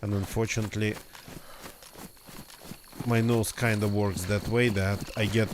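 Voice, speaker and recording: A man with a lowish, measured voice and little pitch movement streams a survival game amid background noise. A recent cold leaves him slightly nasal and congested, and his casual commentary rambles and keeps correcting itself.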